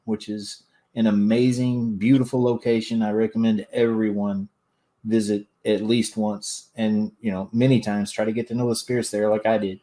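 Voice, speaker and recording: An older man tells a story as a guest on a talk show. His voice is mellow and mid-pitched, and he speaks reflectively, with halting phrasing. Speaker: radio show guest, former tour guide. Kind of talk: unscripted storytelling.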